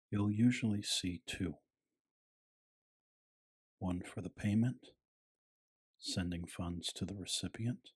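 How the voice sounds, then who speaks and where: A man narrating a scripted bedtime piece in a hushed, soothing, soft-spoken ASMR style with a breathy voice. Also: deep voice.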